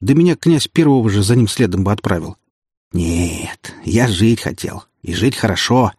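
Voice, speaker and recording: A man's voice: fairly low pitch, lively intonation, normal speed, a little mellow, slightly rough, no echo, studio quality. A male audiobook reader voicing a gloating treacherous middle-aged security chief who mocks and sneers. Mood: sneering. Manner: sneering, mocking. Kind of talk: audiobook character voice.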